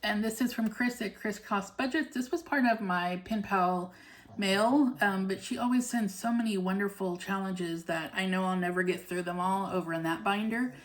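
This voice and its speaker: A woman casually narrating a hands-on task as a video host, unhurried and often counting to herself, in a noisy home recording. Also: medium pitch. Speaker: budgeting channel host. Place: at home, indoors.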